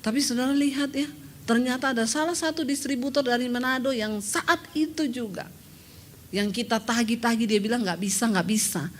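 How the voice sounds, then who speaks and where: A woman pastor preaching a sermon, telling a personal story in a lively, chatty way and calling out to the congregation. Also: fairly high pitch, a little fast, slight background noise. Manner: lively, chatty, laughs often, calls out to congregation.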